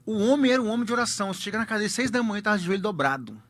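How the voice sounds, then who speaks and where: A man's voice: sits high, lively intonation, rapid-fire, a bit bright. A man with a Brazilian accent, a pastor telling a personal testimony emphatically and repeating key words for effect.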